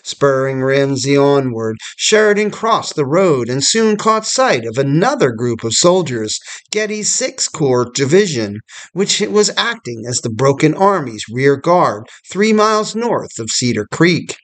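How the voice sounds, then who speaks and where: A man reading a scripted history documentary narration in a measured storytelling manner. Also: medium pitch, very animated.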